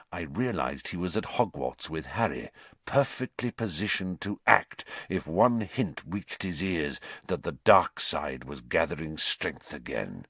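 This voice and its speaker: A man voicing a gaunt, haunted male fugitive who speaks low, quietly and with a croak for an audiobook. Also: no echo, exaggerated voice. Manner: quiet, brooding. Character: gaunt, haunted escaped male prisoner, bitter, intense.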